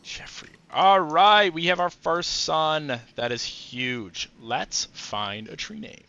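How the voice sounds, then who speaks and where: Slow-talking bright-voiced man playing a game. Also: mid-range voice, animated, creaky, smooth, highs cut off. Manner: musing aloud while playing, frequent fillers. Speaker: gameplay commentator. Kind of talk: casual gameplay commentary.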